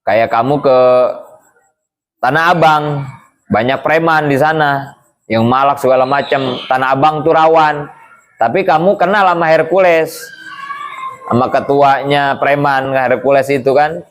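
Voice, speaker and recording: A man's voice: mid-range voice, measured pace, long pauses. A man giving a casual religious lesson, chatting along and asking his listeners rhetorical questions over and over. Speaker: Islamic teacher.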